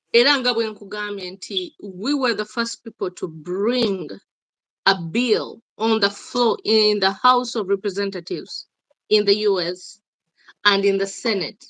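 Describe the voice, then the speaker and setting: A Ugandan woman, an activist guest in an interview, switches between English and Luganda while pressing and repeating her points with insistence. She has a mid-range, fairly bright voice, and there's no room sound.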